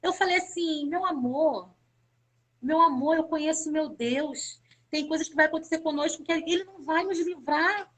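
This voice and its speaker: A woman's voice: high voice, normal speed. A woman from Brazil giving an emotional personal faith testimony as a guest on a live stream, talking fervently and repeating words for emphasis.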